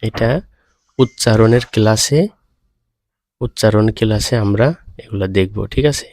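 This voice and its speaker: A man with a Bangladeshi Bengali accent teaching a beginner language lesson, explaining slowly and checking in with "okay?" after each point. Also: on the low side, fairly even intonation, darkish tone, no room sound. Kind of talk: screen-recorded lesson explanation.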